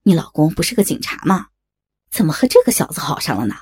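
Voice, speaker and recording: A woman's voice: low voice, sing-song, quick pace, a little mellow, husky, no room sound, studio quality, exaggerated voice. A woman voicing a cruel, vengeful young male thug who taunts with snickering laughs. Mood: taunting. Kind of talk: audio drama acting.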